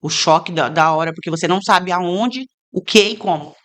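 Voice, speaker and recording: A woman's voice: fairly low pitch, moderate pace. Earnest woman sharing a faith testimony. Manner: earnest, animated when quoting others. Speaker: guest. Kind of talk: casual interview, faith testimony.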